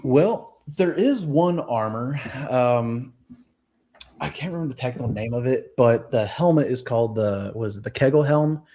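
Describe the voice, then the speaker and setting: A man appearing as a guest expert on a casual live stream, chatty and joking, quick to chime in. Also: mid-range voice, expressive, warm tone.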